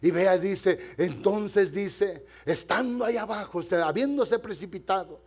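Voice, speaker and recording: Older man, pastor, high-pitched voice, church sermon, addresses the congregation, shifts between quiet and impassioned. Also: unhurried. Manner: swings from quiet storytelling to loud impassioned preaching.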